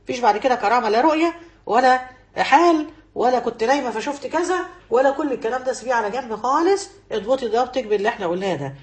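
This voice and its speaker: A woman's voice: on the high side, expressive, rapid-fire, reverberant. An Egyptian woman teaching a religious lesson to women, earnest, repeating key phrases and quoting scholars. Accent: Egyptian Arabic.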